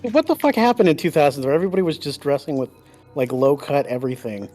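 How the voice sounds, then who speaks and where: A man's voice: on the high side, animated, fast, mellow, soft background music. A young man joking bluntly with friends in casual chat, swearing freely. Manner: blunt, swears a lot, jokey. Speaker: friend on the stream.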